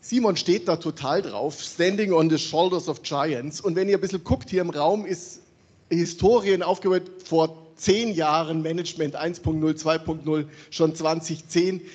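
A conference host, voice fairly high with a breathy edge, works a big hall with a handheld microphone during the opening, lively as he names supporters for the crowd. He keeps a moderate pace, and the recording has its highs cut off.

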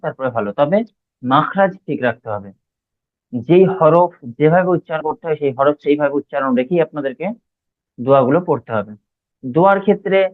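A man from Bangladesh teaches the pronunciation of prayers, pausing to recite each Arabic word slowly and deliberately. His voice sits at an ordinary middle pitch. The recording is narrow and phone-like, with a dry, close sound. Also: dry recording. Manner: slow, drawn-out recitation of Arabic words between explanations. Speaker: religious teacher.

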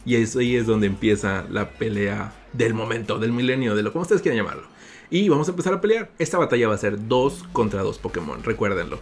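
Playful Mexican man, animated gaming vlogger. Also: fast. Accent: Mexican Spanish. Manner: animated, playful, big pitch jumps, calls viewers "little ones". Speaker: gaming YouTuber host. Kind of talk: playful imaginative vlog narration.

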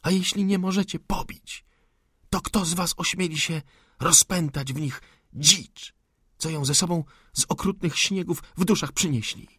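A man's voice: fairly high pitch, moderate pace, a bit bright, slightly rough, no room sound, clean studio sound, pitched above the performer's own voice. A man reading aloud, voicing a distraught young woman who pleads and accuses in a raised, shaken voice. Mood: accusing.

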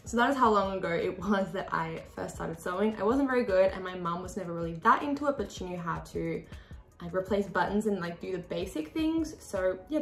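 With a lowish voice and a roomy sound, an Australian woman in her 20s hosts a sewing tutorial from her desk. She chats casually to camera beside her sewing machine in a small room, her hands gesturing expressively.

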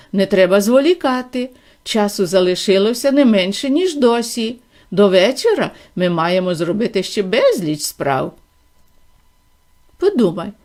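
A woman reading a storybook aloud and voicing an excitable, eccentric male factory owner in a bouncy, theatrical way. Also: medium pitch, natural voice. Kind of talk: audiobook reading.

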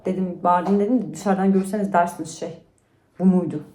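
Mom vlogging at home, chatty and kinda worn out, echoey room with a little noise. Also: female voice, fairly low pitch, steady tone, brisk, mellow. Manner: chatty, tired and venting. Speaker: vlogger and mother. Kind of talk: casual vlog chat to camera. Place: at home indoors.

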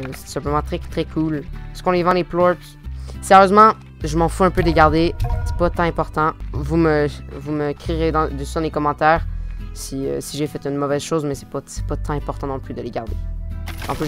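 A man with a Quebec French accent giving casual let's-play commentary, full of fillers and restarts, with sudden excited outbursts. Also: on the high side. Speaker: gaming video host.

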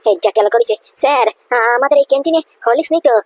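A woman's voice: a little high, very fast, lightly acted. A woman voicing a dutiful, meek male clerk in a cartoon. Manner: dutiful and deferential.

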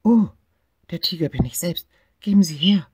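A man voicing an eager, excitable little male tiger in a storybook reading, with a raised, slightly husky voice. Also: mid-range voice, normal speed, dry recording, studio quality, voice pushed up. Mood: excited.

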